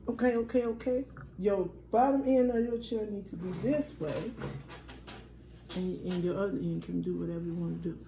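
A woman's voice: mid-range voice, fairly even intonation, normal speed, gravelly, mellow, roomy sound, slight background noise. A woman vlogging from her dinner table, chatting to viewers and calling them "y'all". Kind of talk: casual chat.

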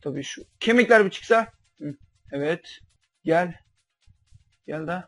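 A young man giving comedic commentary over a game, bantering in a mock-doctor way with sudden loud outbursts. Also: fairly high pitch, animated, a little slow, dry recording, soft background music. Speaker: gameplay commentator.

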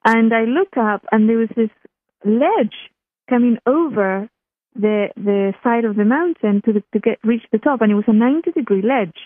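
A Chilean woman, a guest on a phone call, tells a personal story in a chatty, casual interview style, often restarting her sentences. Her voice sits on the high side and sounds animated, at a moderate pace. The telephone line is tinny and dry, with no room sound.

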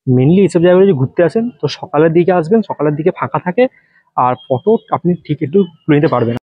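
A man's voice: a little high, animated, no room sound, narrow, tinny audio. A man hosting a casual travel vlog, guiding viewers chattily around temple grounds as he walks. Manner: rapid chatty guiding, addresses viewers directly. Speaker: travel vlogger host.

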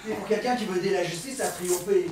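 Actor playing a sardonic stage inspector, high-ish voice, very echoey hall with audience. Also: male voice, fast talker, a little mellow, distant mic, slight background noise, lightly acted. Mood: needling. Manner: needling, ironic questioning. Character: wry, probing male police inspector. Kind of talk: amateur stage comedy. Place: theatre stage.

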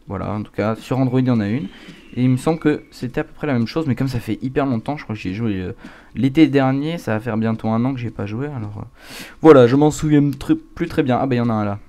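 Playing a horror game on stream, a man jumps and reacts aloud in fright as he comments casually. His voice is medium-pitched with a dark tone, and the recording is clear, with background noise.

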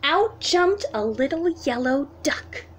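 Speaking slowly in a high voice, a woman gives a storytime read-aloud for young children from a small room at home, indoors. She's expressive in the manner of a children's teacher and keeps her explanations simple.

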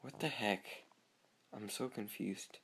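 A man's voice: lowish voice, slow pace, vocal fry, a bit bright, breathy edge. A young man giving casual, chatty commentary over his own gameplay, talking to himself and easily startled. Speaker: gamer.

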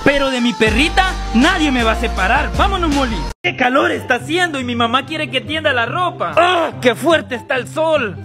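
A man acting playfully and with exaggeration in a comedy sketch, over loud background music. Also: very high-pitched, lively intonation, normal speed. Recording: loud music bed behind.

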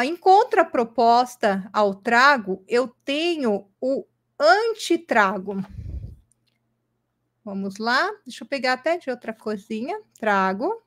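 A woman teacher giving an online lesson, speaking patiently and checking in often with her students. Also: on the high side. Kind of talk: online lesson with screen drawing.

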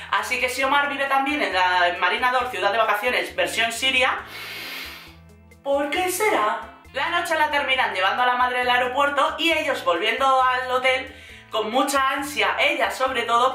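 A woman from Spain with a Spain Spanish accent, sarcastically recapping a reality show in animated casual chat. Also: fairly high pitch. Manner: sarcastic, animated, acts out quotes. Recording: roomy echo, faint music.

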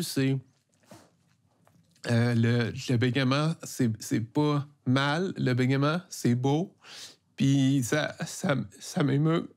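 A middle-aged man with a Québécois accent telling his own story, stuttering with frequent repeated words and sounds. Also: mid-range voice. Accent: Québécois French. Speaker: interviewee, comic book author. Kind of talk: personal testimony.

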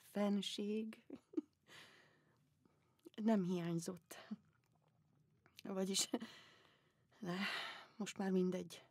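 An actress playing a weary aging empress in a one-woman audio play, speaking softly and musingly, often sinking into whispers. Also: medium pitch, dry recording, clean studio sound, natural voice. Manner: soft, musing, drifting into whispers. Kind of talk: theatrical monodrama audiobook.

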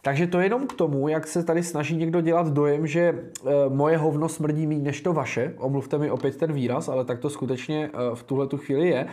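A man's voice: on the high side, fairly even intonation, mellow. A young man in his twenties, speaking Czech, hosting a casual political livestream in a blunt, informal way with frequent filler sounds. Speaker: livestream host and political candidate.

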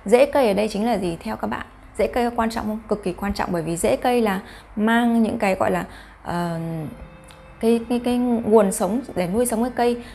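Speaking briskly in a warm, fairly high voice with vocal fry, a woman vlogger talks to camera about face reading. She's casual with her viewers and frequently asks them rhetorical questions, and a little hiss or hum can be heard.

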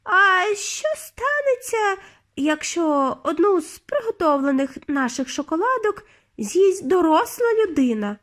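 A woman voicing a female witch asking a question in a high, slow, whiny voice. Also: very animated, a bit bright, heavily acted.

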